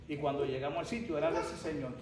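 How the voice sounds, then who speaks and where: A man's voice: fairly high pitch, fairly even intonation, fast. An older man, a pastor, telling a testimony in an emphatic storytelling sermon. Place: church sanctuary. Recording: echoey church from far off, noisy.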